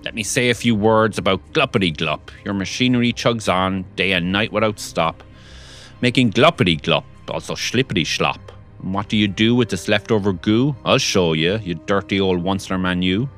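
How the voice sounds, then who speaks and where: Reading from a storybook over faint music, a man voices a small, indignant male forest creature, scolding in a raised, high-pitched, loud voice at a moderate pace.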